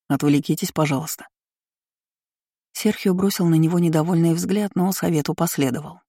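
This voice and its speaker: An audiobook narrator reading a fantasy novel in a steady, even storytelling manner. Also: medium pitch, no room sound, studio quality.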